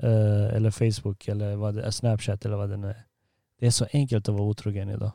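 A man's voice: on the low side, little pitch movement, gravelly, mellow, dry recording. Man, 30s, from Serbia, casual podcast host, laughs often, dry close sound. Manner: laughs often while telling stories. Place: living room at home.

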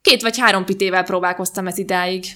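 A woman reading aloud and voicing a cheerful, pushy young woman who talks eagerly and calls out loudly. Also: medium pitch, steady tone, lightly acted.

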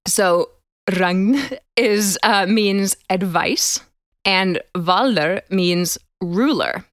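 A woman's voice: medium pitch, drawn-out words, no room sound, studio quality. A woman co-hosting a casual podcast, explaining things at length and laughing often. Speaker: podcast co-host.

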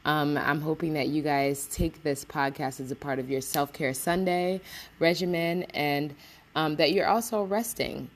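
Low-voiced woman recording under a blanket. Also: fairly even intonation, unhurried. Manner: upbeat, encouraging, laughs often. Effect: muffled, recorded under a blanket. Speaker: podcast host. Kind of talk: motivational solo podcast.

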